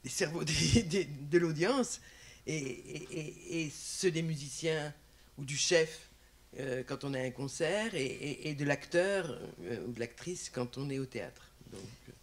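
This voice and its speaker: Male audience member, slightly high register, unhurried and halting, posing a scholarly question. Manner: halting, repeats words. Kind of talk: spontaneous academic question.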